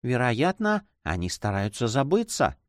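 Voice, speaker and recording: A man voicing a compassionate young Spanish lady in an audiobook, speaking softly and with sympathy. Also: mid-range voice, huge pitch swings, a little slow, no room sound, clean studio sound. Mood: pitying. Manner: soft, sympathetic.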